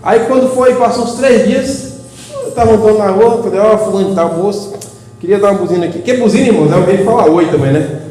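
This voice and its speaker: A man's voice: high-pitched, fast talker, warm tone. A Brazilian Portuguese-accented man preaching an informal evening sermon, folksy and chatty, telling everyday stories and addressing the listeners as brothers. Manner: chatty, folksy storytelling with frequent "né" and "irmãos". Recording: echoey hall with faint hum.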